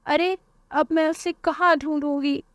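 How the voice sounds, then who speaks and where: A woman's voice: sits high, fairly even intonation, measured pace, no room sound, voice pushed up. A woman voicing an anxious mother bird looking for her son in a cartoon.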